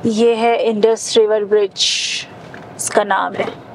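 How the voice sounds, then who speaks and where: A woman's voice: medium pitch, little pitch movement, takes it slowly, low-quality recording. A woman in her thirties, hosting a travel vlog. She chats casually from inside a car and points out sights along the road. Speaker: travel vlogger.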